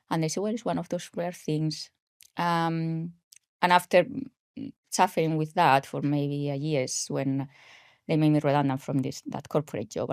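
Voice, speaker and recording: Her voice is deep with a darkish tone, captured in a dry, studio-quality recording. She's a woman in her forties with a Spanish accent who grew up in Spain and works as a health coach. On the podcast she's a guest, speaking casually and haltingly, full of fillers, in relaxed interview talk.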